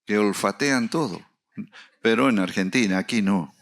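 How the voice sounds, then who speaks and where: A middle-aged man preaching a sermon, telling a personal story with acted dialogue and rising to loud, emphatic peaks. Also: lowish voice, moderate pace. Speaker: pastor.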